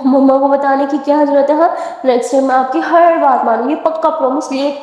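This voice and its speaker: A woman voicing an emotional young woman who pleads and rushes her words, recorded in an echoey room with long reverb. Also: high-pitched, fairly even intonation, darkish tone, lightly acted. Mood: pleading. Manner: pleading, repeats words in a rush.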